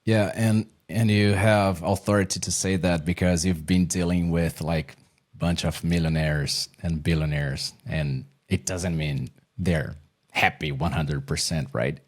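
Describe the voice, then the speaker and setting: Brazilian man, low voice, halting english, interview host. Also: steady tone. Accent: Brazilian Portuguese. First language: Portuguese. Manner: halting English, frequent restarts. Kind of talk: casual interview chat.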